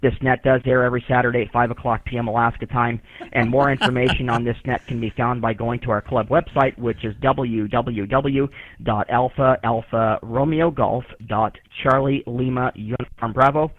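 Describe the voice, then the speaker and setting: A man's voice: medium pitch, steady tone, normal speed, dry recording. A man running an amateur radio net as net control, heard over a ham radio receiver, polite and formal, with many "uh" fillers as he spells out call signs in the phonetic alphabet. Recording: tinny radio receiver audio.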